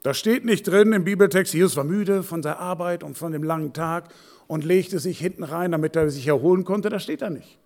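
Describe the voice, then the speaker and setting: A man preaching as a pastor, swinging from hushed, slow asides to loud, animated quoted voices. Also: on the high side. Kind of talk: sermon.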